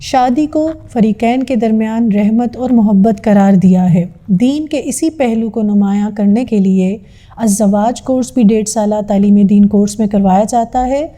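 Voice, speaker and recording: A woman's voice: mid-range voice, mellow. A woman giving a formal, earnest scripted narration introducing a religious studies course. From Pakistan.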